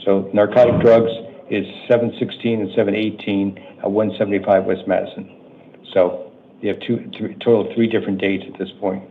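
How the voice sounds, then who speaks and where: A man speaking as a judge in court, reading out procedural details to defendants in a halting, matter-of-fact, businesslike way. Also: fairly low pitch, level tone. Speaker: judge presiding over initial appearance hearings. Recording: muffled, noisy courtroom livestream audio.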